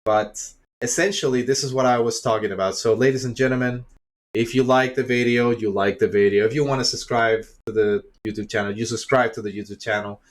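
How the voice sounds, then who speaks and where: A man's voice: mid-range voice, fairly even intonation, a little fast. A young man from Chile, a little sick, ranting angrily in an unscripted vlog and swearing often. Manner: frustrated, swears a lot, acts out imagined dialogue. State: slightly sick, coughing. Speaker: YouTuber and streamer.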